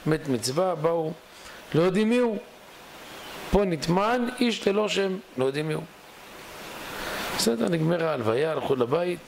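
Rabbi storyteller, high voice with a gravelly edge, dramatic sermon delivery. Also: male voice, animated, noisy background. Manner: dramatic storytelling, shifting pace. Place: synagogue.

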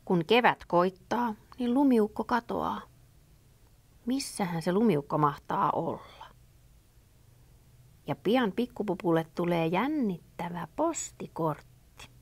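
A woman reading a children's picture book aloud in a gentle, animated storytelling manner. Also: on the low side, no echo.

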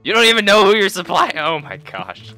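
A man's voice: high voice, big pitch swings, brisk, pushed and bright, soft background music. A teenage boy recording himself chatting while gaming, incredulous and laughing at his friend. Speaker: gamer recording the video. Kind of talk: casual gaming chat.

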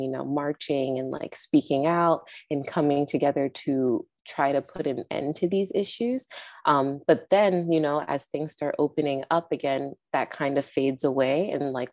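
A young woman, a film director and network founder, answers interview questions casually and earnestly on a video call, speaking through a wired earbud mic in front of a virtual background indoors. She fills her speech with lots of "like" and "um". Her voice is low-pitched and mellow, with no echo.

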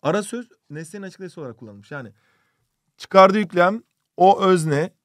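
A man's voice: high-pitched, normal speed, no room sound, studio quality. A male teacher giving an online exam-prep grammar lesson, explaining step by step and asking rhetorical questions. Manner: reads out student questions from cartoons.

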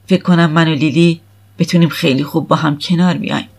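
A composed older mother, as a woman reading the audiobook puts her on, reserved and formal. Her words come measured and soft, with a husky edge and a lowish voice. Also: steady tone, exaggerated voice.

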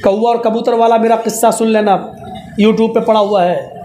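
A male Islamic preacher telling funny stories in a sermon, animated and jokey, sometimes building to shouting, heard through loudspeakers at a large gathering. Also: high voice, moderate pace, slight background noise. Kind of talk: humorous storytelling sermon. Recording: echoey loudspeaker in a big space.

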